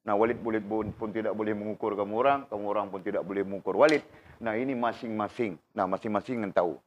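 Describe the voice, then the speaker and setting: Man, religious teacher, lower voice, chatty questioning style, dull lo-fi recording. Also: fairly even intonation, quick pace, a little hiss or hum. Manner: conversational, questions students by name, frequent tag questions. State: unwell, in pain while talking. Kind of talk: informal religious class.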